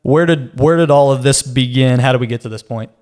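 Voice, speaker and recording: A man's voice: medium pitch, darkish tone. A man hosting a local podcast, upbeat and chatty, asking his guest questions. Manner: upbeat, chatty, quick back-channel replies. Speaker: podcast host, realtor. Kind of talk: casual podcast interview.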